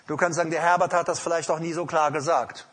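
A man's voice: fairly high pitch, steady tone, quick pace, a bit bright. A man preaching an emphatic sermon with an altar call in a church, calling out to the congregation. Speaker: pastor. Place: church hall.

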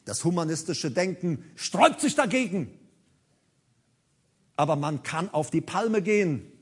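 A man's voice: a little high, lively intonation, unhurried, husky. A man preaching a sermon, emphatic and repeating key phrases for effect.

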